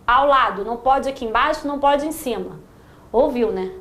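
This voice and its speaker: A Brazilian Portuguese-speaking woman teaching an exam writing class in a classroom, lively, often mimicking students' questions in put-on voices. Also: on the high side, moderate pace, echoey room. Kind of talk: classroom lecture.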